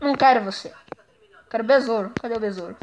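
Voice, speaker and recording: High-voiced playful Brazilian woman gamer. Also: fast talker, slight background noise. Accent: Brazilian Portuguese. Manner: excitable and playful, squeals and teases. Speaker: gaming YouTuber. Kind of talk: casual let's-play commentary.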